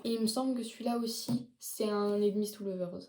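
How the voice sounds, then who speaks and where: A teenage girl talks through her haul in a loose, chatty way, leaning on casual fillers as she goes. Her voice is mellow and relaxed. The room around her rings with noticeable echo. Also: medium pitch, brisk, a little hiss or hum. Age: late teens. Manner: chatty, many fillers like "genre" and "du coup". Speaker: vlogger. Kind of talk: casual haul video chat. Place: her bedroom.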